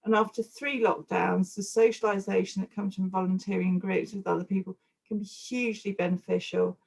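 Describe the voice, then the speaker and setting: A woman hosting a live online session as volunteer coordinator, friendly and steady with some fillers, on a video call. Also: medium pitch, a little fast, vocal fry, husky, rough recording.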